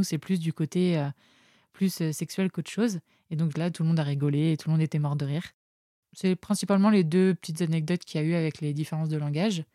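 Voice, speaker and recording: A woman's voice: low voice, mellow, no echo. A French woman, a nurse guest in a podcast studio, telling anecdotes casually with many hesitant fillers. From France.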